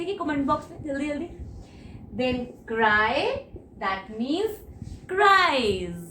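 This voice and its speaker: A woman teaches an English lesson in a high, animated voice that swoops up and down. She talks at an unhurried pace and keeps coaxing her viewers to repeat after her. The room is echoey, with a faint hiss behind her. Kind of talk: online English lesson in Hindi.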